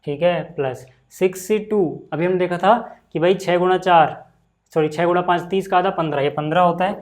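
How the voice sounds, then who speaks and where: Casual Hindi-speaking maths teacher. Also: male voice, high-pitched, brisk. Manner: casual, repeats "ठीक है" and "भाई" often. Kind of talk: screen-recorded maths lesson.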